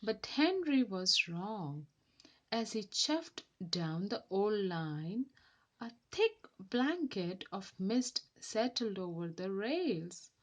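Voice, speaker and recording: A woman with a mid-range voice reads a children's story aloud, taking it slowly as an expressive narrator.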